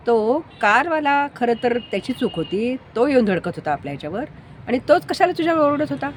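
A man's voice: very high-pitched, very animated, brisk, slight background noise. A woman voicing an indignant man in his sixties who scolds in a raised, agitated voice.

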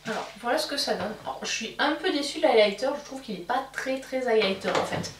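A woman's voice: on the high side, lively intonation, fairly quick, noisy background. A woman chatting casually through a makeup haul, self-mocking and full of fillers, recorded in a roomy space a little away from the mic. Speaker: beauty vlogger. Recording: roomy, somewhat distant mic.

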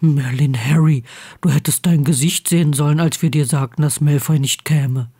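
A woman's voice: deep voice, fairly even intonation, normal speed, mellow, husky, pitched below the performer's own voice. A woman doing Ron, a blunt teenage boy. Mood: irritated. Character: teenage boy wizard friend, blunt and stubborn.

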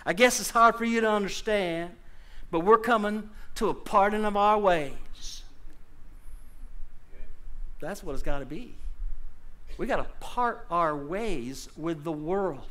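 A middle-aged man preaching a sermon from a church pulpit into a handheld mic, animated and calling out to the congregation with sudden loud bursts. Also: sits high, slow pace, pauses often. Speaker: pastor. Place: church sanctuary.

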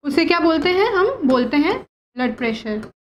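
Woman teacher, high voice, revision lesson, asks students questions, repeats key words. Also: sing-song, moderate pace, dull audio, slight background noise. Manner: mixes Hindi and English, repeats terms, asks students questions. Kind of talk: recorded class lesson, revision.

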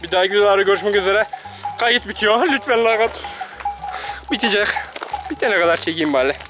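With a high-pitched voice and a brisk delivery, a man herds his animals on a pasture while vlogging, repeating calls to coax and scold them. He tosses joking asides to viewers in a casual running commentary, with background music and farm animals behind him.

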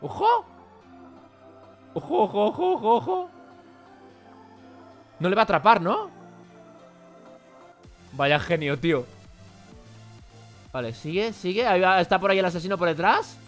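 A young man with a Spain Spanish accent gives casual reaction commentary as a YouTuber, jumping between loud exclamations and muttered asides. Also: sits high, big pitch swings, unhurried, long pauses, faint music behind.

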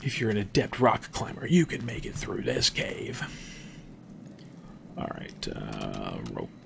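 A young man commentating a game casually, thinking aloud and dropping to hushed tones when nervous. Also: fairly low pitch, huge pitch swings, a little slow, vocal fry, background noise. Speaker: gameplay commentator. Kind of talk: casual let's-play commentary.

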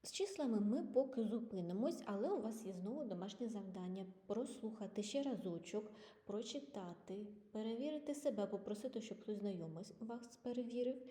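Woman, teacher, patient, clear drills, mellow tone. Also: medium pitch, lively intonation. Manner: patient, clear, slow model pronunciation of English words. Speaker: English teacher. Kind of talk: online language lesson. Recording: long reverb.

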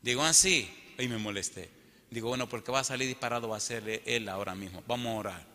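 A man preaching a sermon as pastor, telling a story with imitated sounds and voices and building to forceful repeated lines. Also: on the low side, fast talker, long reverb tail. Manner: animated storyteller who mimics sounds and voices.

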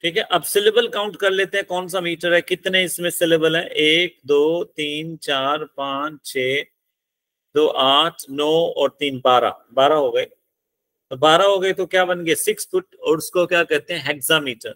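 A male teacher lectures in a bright, clear voice at an unhurried pace, with a slightly high pitch. He breaks things down step by step, poses questions and answers them himself, and reads verse lines aloud slowly. The sound is close and dry, with no room echo. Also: steady tone. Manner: explains step by step, asks and answers his own questions; mixes English terms into his talk, reads verse lines slowly. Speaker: English literature teacher. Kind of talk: classroom lecture.

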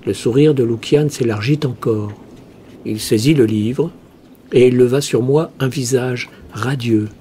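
A man reading an audiobook in the first person in a measured, dramatic way. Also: mid-range voice, mellow, slight background noise. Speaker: audiobook narrator.

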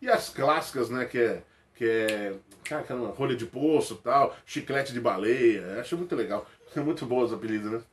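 In a casual to-camera chat, a Brazilian comedian from Rio de Janeiro, aged in his forties, answers questions from viewers with a mid-range voice at a slightly fast clip. The webcam sits close to his face in a small room with toy shelves, and his manner is animated, slangy and full of jokes and laughter.

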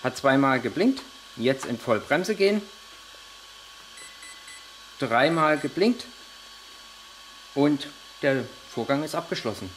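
A man's voice: mid-range voice, lively intonation, slow, long pauses, noisy background. A man giving a hands-on tutorial on a model truck, explaining each step while he handles the parts, with frequent hesitations. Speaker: RC model reviewer.

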